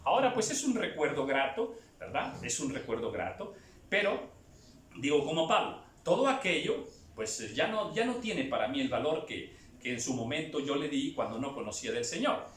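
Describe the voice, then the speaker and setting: High, lively preaching man, echoey. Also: moderate pace. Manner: swings from hushed to loud, acts out other voices. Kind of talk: sermon. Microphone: camera at a distance.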